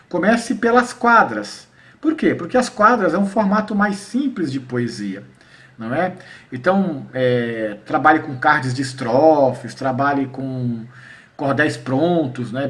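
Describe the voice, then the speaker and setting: A slightly high male voice, recorded from a distance. The speaker, a cordel poet from Paraíba with a Northeastern Brazilian accent, teaches poetry to teachers in a relaxed lesson, reciting verses slowly and often asking "né?" or "tá?" to confirm they follow.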